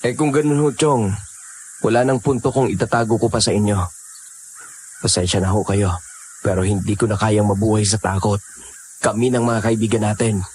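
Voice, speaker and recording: A man playing a protective young man with aswang blood, speaking in an earnest, steady manner. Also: fairly low pitch, moderate pace, long pauses, slight background noise, lightly acted. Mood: resolute. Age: young adult. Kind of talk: Tagalog audio horror drama.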